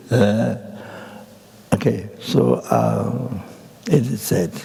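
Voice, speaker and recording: An older man from Nepal, giving a Buddhist teaching in a halting way full of fillers and restarts. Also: medium pitch, creaky, mellow, slightly rough. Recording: hall reverb.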